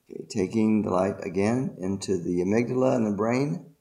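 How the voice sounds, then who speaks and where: A man leading a guided meditation and spiritual invocation in a deliberate, ceremonial manner, in short separated phrases. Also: lowish voice, mellow.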